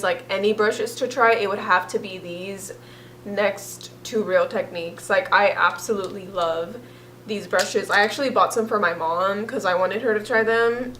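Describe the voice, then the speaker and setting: A woman's voice: medium pitch, a bit bright. Gushing woman vlogger, faint hum. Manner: gushing, filler-heavy with frequent "like". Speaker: beauty vlogger co-host. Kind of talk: casual chat.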